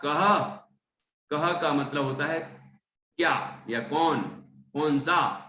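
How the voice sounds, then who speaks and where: A man teaching scripture chants each verse slowly in a slightly high, bright voice. After each verse he explains the pronunciation and meaning, pausing often to check that his listeners are following. He sounds a little distant, in a roomy space with faint background noise. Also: fairly even intonation. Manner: frequent "theek hai" checks with listeners. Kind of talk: recitation and line-by-line teaching.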